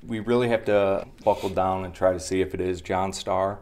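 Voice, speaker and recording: A man working as a paranormal investigator, talking casually and haltingly about his findings. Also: deep voice, steady tone, darkish tone. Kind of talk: casual interview.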